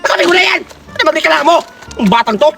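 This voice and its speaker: A woman plays a blunt, bossy older woman in a comedy skit, barking at children over Christmas gifts in a high, bright, forceful voice. Soft music runs behind her. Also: animated, fast talker, creaky, exaggerated voice. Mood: scolding. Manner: scolding, loud, blunt. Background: background music.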